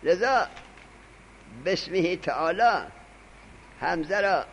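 A man lecturing a grammar class in a lively, swooping voice that sits a bit high for a man. He stresses points hard and stops to dictate notes to his students. Faint noise hangs under the recording. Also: rough recording. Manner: animated, emphatic teaching with dictation to students. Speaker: Arabic grammar teacher.

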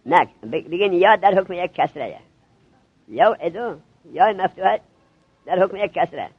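A man teaching a classroom grammar lesson to seminary students, drilling them with quick questions. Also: high-pitched, lively intonation, breathy edge, no room sound, phone-quality sound.

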